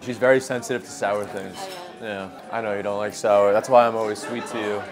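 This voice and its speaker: Over music, a man in his twenties talks fairly quickly in a fairly low, steady voice. The laid-back, joking food vlogger wears a small clip-on mic on his shirt as he goes from a city street outdoors into a bustling small restaurant.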